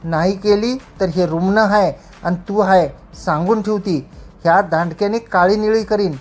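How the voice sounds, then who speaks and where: A woman voicing a furious village mother who scolds her daughter in rough rustic speech. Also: mid-range voice, normal speed, soft background music, close to an everyday voice. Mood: furious scolding. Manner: abusive rustic shouting.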